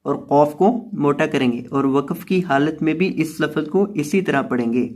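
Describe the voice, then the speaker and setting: A man with a Pakistani Urdu accent teaching a slow tajweed lesson, spelling out letters and drawing out each syllable with patient repetition. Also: on the high side, darkish tone. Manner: patient, repetitive explaining, stretches recited syllables slowly. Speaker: Quran reading teacher.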